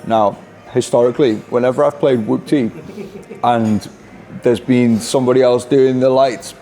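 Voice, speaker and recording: A young man hosting a casual vlog, excitable and quick to laugh, swearing freely as he chats to camera. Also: mid-range voice. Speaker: DJ and vlog host. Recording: clear background traffic noise.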